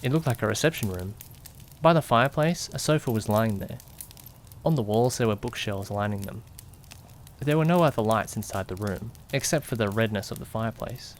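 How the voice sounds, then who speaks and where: Speaking a little fast in a lowish, expressive voice close to how he normally talks, this man narrates an amateur mystery audio drama in first person. He's cast as the detective's curious, jittery young companion, adding suspenseful, questioning asides. Slight background noise is audible, and the feel is curious and suspenseful.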